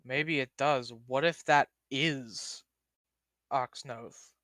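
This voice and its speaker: A man's voice: medium pitch, drawn-out words, a bit bright. A man talks through his move in a tabletop game. He is casual and hesitant, circling back as he reasons, and the sound is dry with no room echo. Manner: hesitant, rambling, reasoning aloud. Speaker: player in a tabletop role-playing game.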